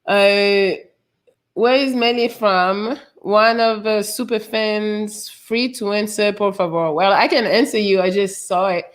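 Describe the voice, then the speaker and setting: A woman's voice: medium pitch, fairly even intonation, measured pace. A woman from Paris hosting a casual live-stream, chatting with callers and asking them lots of questions. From Paris, France. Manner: friendly, curious, asks lots of questions. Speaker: host.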